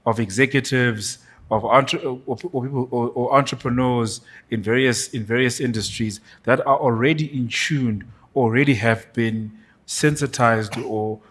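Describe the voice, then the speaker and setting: A man's voice: medium pitch, measured pace, fairly bright tone. A man from Zimbabwe asking a panel question, hesitant and restarting his phrases.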